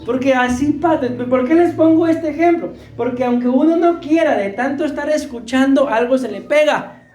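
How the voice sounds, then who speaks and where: High-voiced woman preaching in an echoey church. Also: moderate pace, a little mellow. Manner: rhetorical questions to the congregation; calls for amens. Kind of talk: sermon to a congregation.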